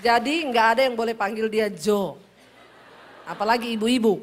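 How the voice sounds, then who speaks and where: A woman pastor from Sulawesi with a Sulawesi accent, preaching in a loud, animated, humorous storytelling style. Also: normal speed, a little hiss or hum. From Sulawesi, Indonesia. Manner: loud, animated, high-toned speech.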